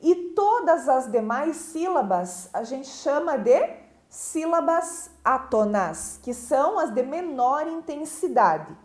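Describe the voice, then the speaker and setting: A woman's voice: high voice, sing-song, slow pace, darkish tone. A woman teacher with a Brazilian Portuguese accent, giving a recorded school lesson and explaining step by step with frequent check-in questions. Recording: echoey room.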